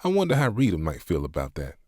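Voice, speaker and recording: A man voicing a patient older male pastor who speaks firmly and asks gently sarcastic questions. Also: low voice, wildly swooping pitch, fast talker, no echo, clean studio sound, heavily acted. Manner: firm, instructive, wry questions.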